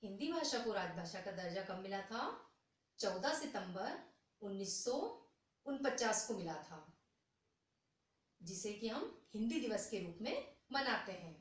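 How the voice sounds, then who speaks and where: A woman teaching a school lesson, slowly and deliberately, repeating each syllable for her students. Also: mid-range voice, expressive. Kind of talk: slow classroom lesson with drills. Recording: echoey room from far off.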